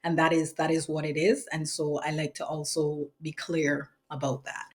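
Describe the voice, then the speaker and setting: Earnest woman, lowish voice. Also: level tone. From Barbados. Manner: earnest, measured, with frequent ums and restarts. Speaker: activist in residence. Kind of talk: reflective interview monologue.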